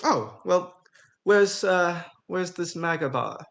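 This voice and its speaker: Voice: mid-range voice, lively intonation, takes it slowly, creaky, fairly bright tone. A player in a tabletop game, talking casually with a lot of hesitation, restarts and fillers.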